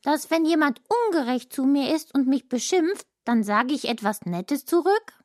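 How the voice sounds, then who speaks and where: A woman's voice: sits high, lively intonation, moderate pace, darkish tone, no room sound, clean studio sound. A woman voicing a young, stubborn woodworm boy in a children's audio drama, sulky and defiant. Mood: thoughtful.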